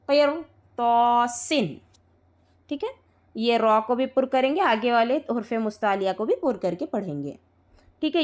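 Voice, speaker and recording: A woman teaching Quran recitation rules to students, patiently repeating points, spelling out letters slowly and checking often that they follow. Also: fairly high pitch. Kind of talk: live tajweed lesson to students.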